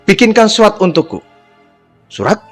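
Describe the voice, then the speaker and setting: A man voicing a humble young orphan boy who answers softly and obediently. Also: high-pitched, very animated, moderate pace, faint music behind, pitched above the performer's own voice. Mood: meek. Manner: soft, deferential replies.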